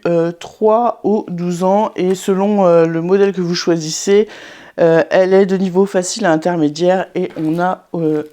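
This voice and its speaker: A woman's voice: on the low side, mellow. Woman vlogger with a sick, sore-throat voice. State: sick with tonsillitis, sore throat, strained swollen-throat voice. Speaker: sewing vlogger and online haberdashery owner. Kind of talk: casual vlog chat to viewers.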